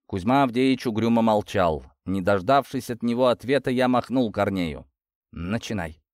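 A man narrating a first-person audiobook in an expressive storytelling manner. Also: on the low side, normal speed, no echo, studio quality.

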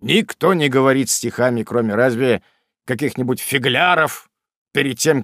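A man voicing old Mr Weller, an elderly father who scolds and laments over his son in a loud, slow, emphatic way. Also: mid-range voice, dry recording, clean studio sound, natural voice. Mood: lecturing.

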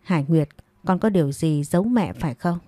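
A woman's voice: on the low side, brisk, mellow, no room sound, lightly acted. Middle-aged rich mother in an audio story, read by a woman: stern, insistent questioning, dry close voice.

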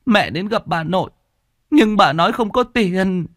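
A man's voice: high voice, animated, a little slow, fairly bright tone, no room sound, studio quality. A man voicing a distraught, remorseful middle-aged wife who pleads and stammers in an audio storybook.

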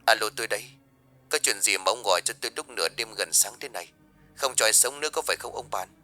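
A man voicing a sleepy friend woken by a late-night call, grumbling in a quick, hushed way. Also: on the low side, lively intonation, faint music behind. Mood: grumpy.

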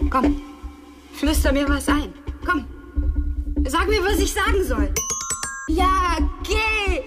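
A desperate, pleading woman in a radio drama. Her voice is very high, drawn out and swings widely. Loud music plays beneath her lines. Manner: pleading, distraught.

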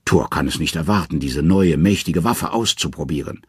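A man narrating an audiobook with expressive storytelling. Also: extremely low pitch, normal speed, breathy edge, no room sound, studio quality.

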